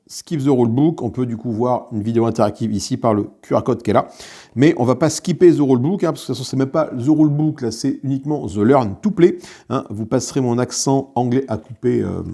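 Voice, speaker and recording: A man talks through a solo board game session in a relaxed, chatty way, often trailing off into hesitations and joking at his own expense. His voice is mellow and dark, sitting at an ordinary middle pitch. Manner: chatty and self-mocking, with many hesitations. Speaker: board game video host. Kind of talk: casual solo playthrough commentary.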